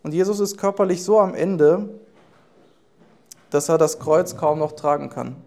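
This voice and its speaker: A man preaching a sermon in an earnest way, pausing to search for his words. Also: on the high side, dark tone, slight background noise.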